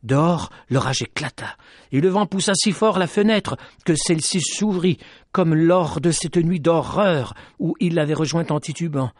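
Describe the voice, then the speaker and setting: A man hosting a radio program, reading a story aloud in a measured, dramatic way. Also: a little high, no echo, clean studio sound. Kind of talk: scripted story narration.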